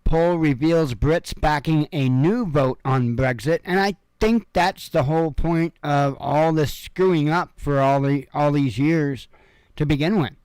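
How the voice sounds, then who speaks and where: A man from Illinois, USA, working as a news commentary host, reads headlines casually from a room at home, tossing in rambling, filler-heavy asides. His voice is on the high side, unhurried and a little mellow, and the audio is clean without echo.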